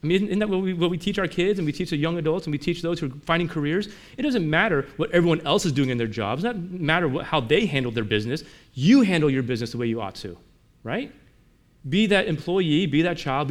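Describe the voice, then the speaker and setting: A man preaching a sermon in a conversational way, moving between emphatic lines and quiet ones, often asking his listeners rhetorical questions. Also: a little high, expressive, quick pace. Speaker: pastor.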